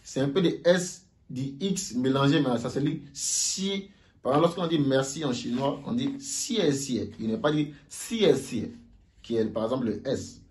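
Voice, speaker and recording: A man giving a casual video lesson on Mandarin sounds, slowly repeating each sound aloud for learners. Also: mid-range voice, animated. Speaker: Mandarin teacher.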